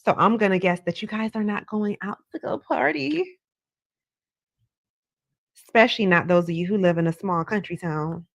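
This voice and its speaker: A woman's voice: medium pitch, moderate pace, long pauses, no room sound. Effusive woman psychic hotline host, dry sound. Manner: effusive greetings and thanks, familiar address. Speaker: psychic tarot reader hosting a live call-in. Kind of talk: psychic hotline live reading, conversational.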